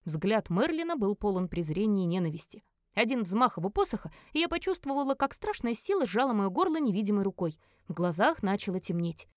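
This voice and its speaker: A woman's voice: mid-range voice, fairly quick, no echo, clean studio sound. Woman narrating a dramatic fantasy audiobook. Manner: expressive, dramatic reading.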